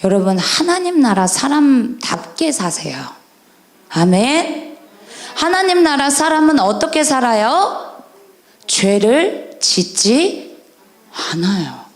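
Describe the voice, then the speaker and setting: A woman evangelist preaching a sermon to children at a church camp service, animated and constantly questioning her listeners. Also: sits high. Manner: animated, questioning the audience, drawn-out stressed endings. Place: church sanctuary. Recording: echoey church hall.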